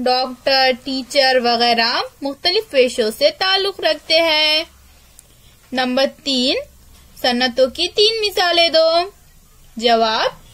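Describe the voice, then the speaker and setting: A woman teacher with an Urdu-speaking Indian accent, reading a school lesson aloud slowly and clearly for young children. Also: high-pitched, fairly bright tone. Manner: slow, clear dictation to children.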